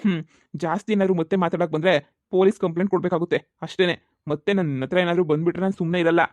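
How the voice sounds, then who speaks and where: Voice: mid-range voice, fairly even intonation, quick pace, darkish tone, no echo, close to an everyday voice. A voice actor playing an exasperated man who refuses a marriage, in a cartoon comedy. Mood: irritated scolding.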